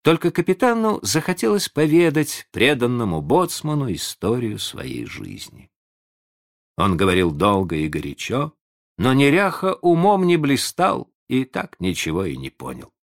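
A man narrating a storybook in an expressive, lively way. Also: medium pitch, a little slow, gravelly.

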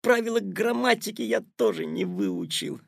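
A man's voice: high-pitched, wildly swooping pitch, moderate pace, vocal fry, dry recording, clean studio sound, pitched above the performer's own voice, full character voice. A man voicing a curious schoolboy in an audiobook, eager and full of wonder. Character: curious schoolboy who skipped his homework. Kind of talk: audiobook character voice.

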